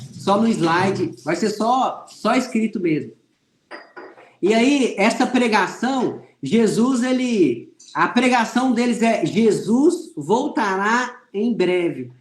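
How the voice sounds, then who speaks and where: A man's voice: high voice, roomy sound. A Brazilian man teaching an online Bible class, telling a personal testimony and speaking earnestly to his listeners as brothers. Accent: Brazilian Portuguese. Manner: earnest, speaks to viewers as "irmãos". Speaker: religious teacher.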